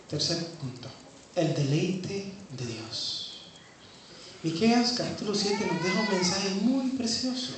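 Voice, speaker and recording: A woman preaches a sermon, dropping to quiet, low talk and then climbing into loud, high-pitched calls. She often poses rhetorical questions. The recording is very echoey and distant, with a faint hiss of noise underneath.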